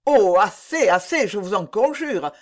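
A woman reading the lines of a young king who is lovesick, jealous and tormented, in an animated, pleading voice. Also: mid-range voice, a little slow. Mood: anguished. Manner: pleading, heated outbursts.

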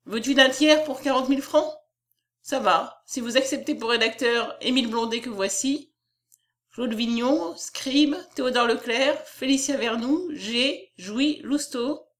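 A woman's voice: fairly high pitch, a little slow, a bit bright, pitched above the performer's own voice. A woman voicing a businesslike male newspaper editor in an audiobook reading. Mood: brisk.

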